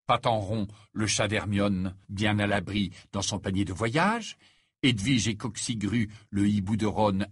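A man's voice: lowish voice, slightly rough, no room sound, clean studio sound. A man reading a storybook aloud expressively, narrating and doing all the voices. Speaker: audiobook reader.

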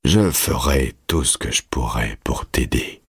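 Un homme jouant un vieil homme calme et feutré. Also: male voice, extremely low pitch, breathy edge, dry recording, clean studio sound, exaggerated voice. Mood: calm. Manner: soft, calm, measured. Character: old man, calm, quietly menacing.

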